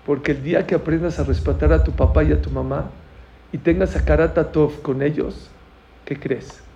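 A man's voice: fairly high pitch, steady tone, moderate pace, creaky, warm tone. A man giving a sermon to young people in an auditorium, telling stories, acting out dialogue and asking the audience questions. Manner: storytelling, acts out dialogue, asks the audience questions. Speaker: religious teacher. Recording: dull lo-fi recording, faint noise.

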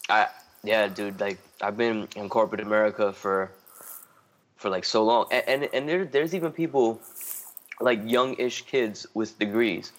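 Guy on a podcast just rambling, lots of likes and restarts, kinda low voice, swears a bunch. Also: unhurried. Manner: rambling, heavy use of "like" and restarts; casual swearing. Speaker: guest artist. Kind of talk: casual podcast chat.

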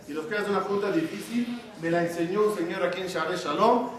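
In a large, very echoey hall with a crowd, a rabbi teaches a religious class to a live audience, speaking quickly in a high-pitched voice. He often poses questions to listeners and then answers them himself, and the mic is far away.

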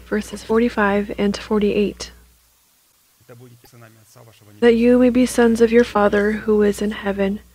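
Woman doing a church prayer and sermon, pretty flat pitch, solemn and measured, reverent. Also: breathy edge, poor audio.

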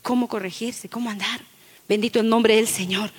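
A woman pastor giving an animated sermon to her congregation, calling listeners "brother" and acting out children's lines. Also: a little high, normal speed, breathy edge, in a large hall. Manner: animated, acts out children's voices in quotes, addresses listeners as brother.

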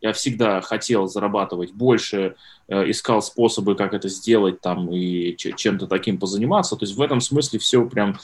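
A man's voice: lowish voice, moderate pace. A man in his thirties hosting an interview, talking in a rambling, self-deprecating way with many fillers and restarts. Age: 30s. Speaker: podcast host. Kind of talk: casual interview chat.

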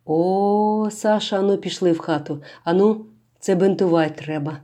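A woman's voice: mid-range voice, steady tone, moderate pace, mellow, lightly acted. A woman voicing a grieving middle-aged village mother who talks in a firm, commanding way. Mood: flustered.

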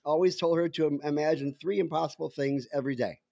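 A man's voice: a little high, fast talker, vocal fry, warm tone, dry recording. Man, scientist co-host, wry explanatory chat, dry video-call sound. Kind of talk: casual chat.

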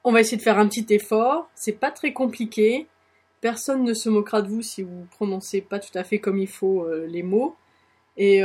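A woman's voice: medium pitch, darkish tone. A woman with a French accent hosting a casual audio lesson, chatty and encouraging, with frequent hesitations. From France. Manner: chatty, many fillers, encouraging. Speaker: blog host teaching English phrases.

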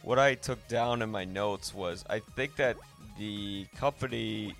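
Unhurried and on the low side, this man's voice carries vocal fry and a fairly bright tone as he hosts a podcast. His film talk is casual, opinionated and rambling. Faint music plays behind him.

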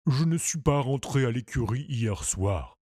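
A man reading a storybook, voicing a sad, worried male pony who speaks slowly and plaintively. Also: medium pitch, lively intonation, warm tone, husky, no echo, clean studio sound, pitched above the performer's own voice. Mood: confessing. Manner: mournful, slow and plaintive. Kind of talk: audiobook character voice.

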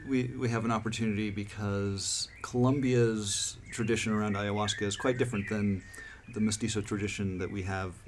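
A man's voice: fairly low pitch, flat delivery, a little fast, hardly any pauses. A man hosting a podcast in casual chat on an outdoor deck, hesitant with many fillers and restarts. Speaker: podcast host. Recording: background noise outdoors.

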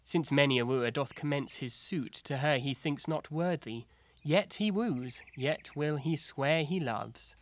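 An actor playing a modest court singer who sings a ballad and brushes off praise. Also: male voice, on the high side, no echo, close to an everyday voice. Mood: self-deprecating. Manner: sings a ballad, speaks in quick self-deprecating bursts. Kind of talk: stage play with song.

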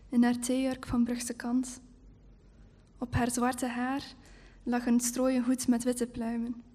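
A woman author on stage at a live event, reading her own literary story aloud in a measured way. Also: fairly high pitch, mellow.

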